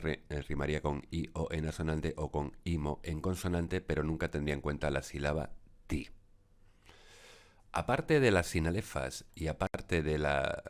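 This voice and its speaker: Man, very deep voice, tutorial narration, measured explanations, frequent fillers. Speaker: teacher. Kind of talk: screen-recorded tutorial.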